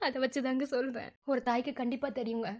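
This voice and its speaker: A woman voicing a grieving village mother in an animated drama, who pleads and insists that her dead son is still alive. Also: sits high, fast. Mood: sorrowful. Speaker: cartoon voice actor.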